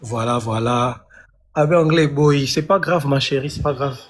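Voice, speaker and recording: A man who is a singer, talking on a live stream call in a hesitant way with frequent pauses. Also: fairly high pitch, fairly even intonation, slight background noise. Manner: hesitant, many pauses and fillers. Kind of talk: casual conversation.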